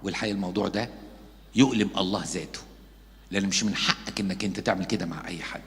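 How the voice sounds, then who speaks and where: A man's voice: low-pitched, very fast, big-room sound, a little hiss or hum. A man, a Coptic priest with an Egyptian Arabic accent, preaching a sermon and acting out the people in his stories. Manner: lively storytelling, acting out gossips and mockers.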